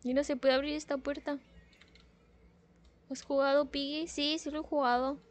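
A woman's voice: sits high, level tone, normal speed. A woman streaming a game in casual chat, in a cute anime streamer manner, playful and giggly. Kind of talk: casual live gaming chat, reacting.

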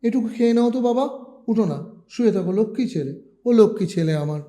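A man's voice: high-pitched, animated, fairly quick, voice pushed up. A man voicing a fussing, fretful village mother. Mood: tender. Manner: fussing, anxious, then softly coaxing. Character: worried, affectionate village mother.

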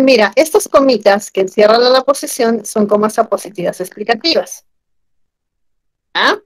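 A woman teaching grammar in an online class, animated and asking her students questions often. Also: a little high, no echo, poor audio.

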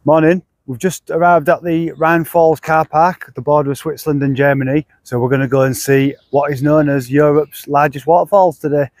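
A man's voice: on the high side, steady tone, normal speed, few pauses, darkish tone, no room sound, poor audio. A man narrating a casual travel vlog outdoors. He talks chattily into a handheld camera, rambling with restarts. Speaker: travel vlogger. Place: outdoors at a car park and riverside path.

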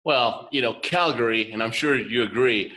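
A man in his fifties, a guest on a video call from his home, telling stories with bright enthusiasm. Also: medium pitch, moderate pace, low-quality recording. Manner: enthusiastic storyteller, grins while talking. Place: home room indoors.

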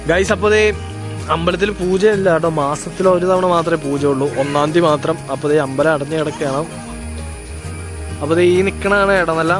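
Over music, a woman with a low-pitched voice talks a little fast, chatting with her viewers as she vlogs. She uses plenty of fillers and speaks to them directly, first on a family outing near a temple and a jackfruit tree and afterward while cooking at home in the kitchen.

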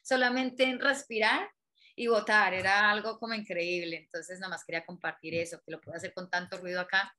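Bright, eager female acting student. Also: medium pitch, steady tone, a little fast, slight background noise. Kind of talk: sharing in an online class.

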